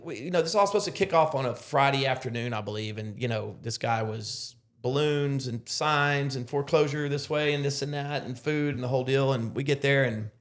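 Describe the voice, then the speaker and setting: Animated middle-aged man telling a story. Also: mid-range voice, fairly quick, hardly any pauses. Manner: animated storyteller, acts out quotes, many fillers. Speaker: podcast guest, loan officer. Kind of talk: casual storytelling.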